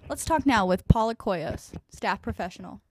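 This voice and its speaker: A woman interviewer asking questions and reading scripted links clearly and evenly. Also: mid-range voice, expressive, moderate pace, slight background noise.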